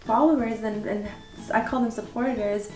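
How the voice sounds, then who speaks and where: A woman being interviewed as a pageant winner, chatting casually and haltingly with lots of filler words. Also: fairly high pitch, fairly even intonation, a little mellow. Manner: informal, halting, frequent "like" and "you know". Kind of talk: casual question-and-answer chat. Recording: echoey room with background music.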